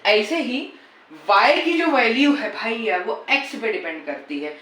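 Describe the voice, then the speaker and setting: A man's voice: very high voice, lively intonation, takes it slowly, bright, forceful tone, reverberant. A man teaching physics in a casual lecture style. He repeats key points and coaxes and teases his students as he goes. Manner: repetitive, coaxing, teasing the students.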